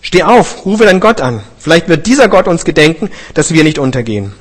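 A man's voice: fairly high pitch, very animated, brisk, long reverb tail. A man voicing a frightened ship captain who urges a sleeper to pray, in a scripture reading. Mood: urgent. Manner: urgent, pleading questions.

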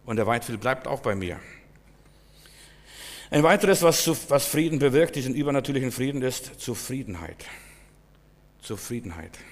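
A man preaching a sermon, swinging from quiet, slow confession to loud, pleading repetition. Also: mid-range voice. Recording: long hall reverb.

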